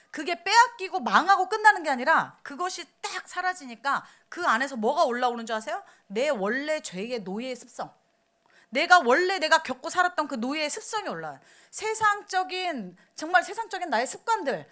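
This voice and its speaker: A woman's voice: sits high, pushed and bright. A woman missionary preaching a sermon in church, talking conversationally, asking the congregation questions and acting out quoted outbursts. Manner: acts out quoted outbursts in raised voice.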